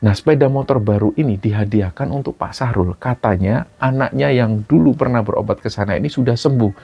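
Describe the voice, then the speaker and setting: A man's voice: medium pitch, fairly quick, vocal fry, breathy edge. A man narrating a supernatural story casually, in a conversational retelling. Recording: dull lo-fi recording.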